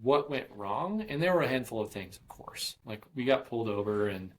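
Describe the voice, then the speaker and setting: A man's voice: fairly low pitch, expressive, fairly quick. A man in his thirties, a podcast guest, telling a long travel story in a chatty, rambling way with many fillers and restarts. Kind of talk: casual storytelling interview.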